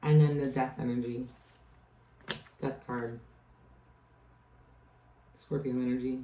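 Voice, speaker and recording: A woman's voice: very deep voice, steady tone, slow pace, dark tone, a little hiss or hum. A woman giving a casual tarot reading, rambling and often trailing off to restart her thought. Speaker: tarot reader. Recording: echoey room, distant mic.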